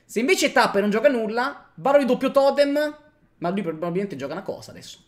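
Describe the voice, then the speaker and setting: A young man in his twenties with an emphatic, excitable delivery, swearing as he comments live on a game with friends. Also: extremely high pitch, fast. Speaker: streamer playing a card game. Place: indoor room.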